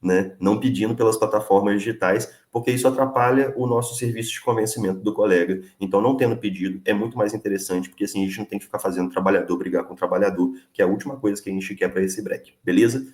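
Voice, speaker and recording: A young man with a cold speaks in earnest, plain-spoken phrases full of small fillers. His voice sits very low. The room around him is echoey. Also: fairly even intonation, fast, few pauses, a little mellow. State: sick with a cold, coughing. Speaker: delivery worker organizer, guest. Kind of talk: casual live interview.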